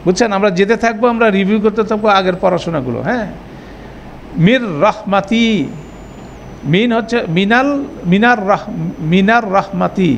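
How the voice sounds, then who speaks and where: Male teacher, high voice, patient step-by-step classroom explainer, slight room hiss. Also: normal speed, vocal fry, long pauses, muffled recording. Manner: explains step by step with frequent check-ins. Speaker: Arabic grammar teacher. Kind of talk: classroom lecture.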